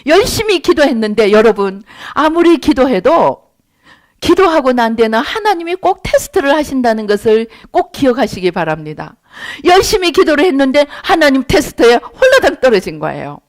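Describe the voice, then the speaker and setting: High-voiced animated woman pastor preaching. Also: normal speed. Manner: animated storytelling, acting out prayers. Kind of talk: sermon with personal testimony.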